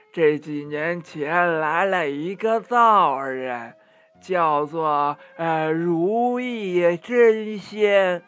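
Man voicing old village woman, kindly, very slow drawl, high, dry sound. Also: fairly bright tone, no room sound, exaggerated voice. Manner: slow, drawn-out speech.

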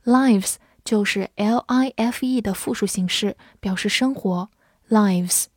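A woman teaching English vocabulary, spelling words out letter by letter and reading example sentences slowly for students to repeat. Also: medium pitch, no echo, clean studio sound. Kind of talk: vocabulary lesson.

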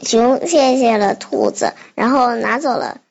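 A child of about nine reading and retelling a storybook in a halting, deliberate way. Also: medium pitch, very animated, vocal fry, lo-fi sound. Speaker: young student retelling a storybook. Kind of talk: reading aloud and translating sentence by sentence.

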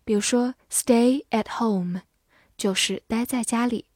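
A woman's voice: a little high, darkish tone, no room sound. Dry-voiced woman teaching vocabulary. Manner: spells words letter by letter and repeats them slowly. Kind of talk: scripted vocabulary lesson.

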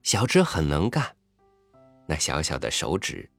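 A man reading a story aloud in a soft, intimate, expressive way, sometimes dropping to a hush. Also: a bass voice, unhurried, vocal fry, no echo, faint music behind.

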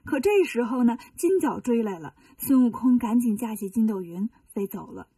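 A woman narrating a children's story in a lively, folksy way. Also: fairly high pitch, normal speed, breathy edge, dry recording, recorded from a distance.

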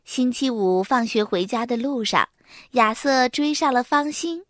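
A woman narrating a children's storybook in an expressive, storytelling way. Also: a little high, measured pace, dry recording, clean studio sound.

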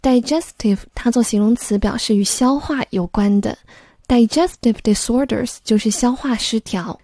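A woman's voice: fairly high pitch, moderate pace, mellow, no echo, clean studio sound. A woman explaining English vocabulary word by word in a patient, step-by-step lesson. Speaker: English teacher.

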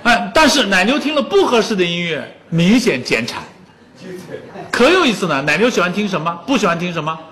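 A man's voice: sits high, big pitch swings, fairly quick, sharp tone. A man in his fifties giving a public lecture on music, telling anecdotes and joking with the audience.

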